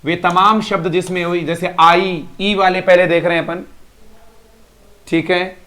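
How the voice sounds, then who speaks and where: A man's voice: sits high, flat delivery, a little slow, bright, forceful tone. A male teacher in a live online class, repeating words to drill pronunciation and praising students by name. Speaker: English teacher.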